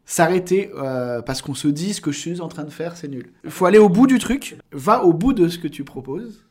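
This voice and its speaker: A man's voice: fairly high pitch, animated, moderate pace, a little mellow. A man in his thirties, a voice actor guest on a casual podcast, explaining at length with frequent hesitations and fillers.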